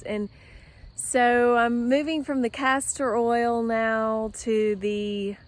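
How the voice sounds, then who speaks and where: A woman talking casually to her viewers while out of doors, rambling with many fillers and restarts. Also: a little high. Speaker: vlogger. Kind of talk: casual outdoor vlog talk. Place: outdoors with trees and her dogs.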